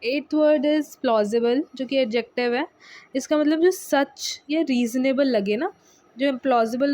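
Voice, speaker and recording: A woman's voice: on the high side, a little mellow. A young woman teaching exam vocabulary in a casual lesson, explaining patiently and repeating key words. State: tired.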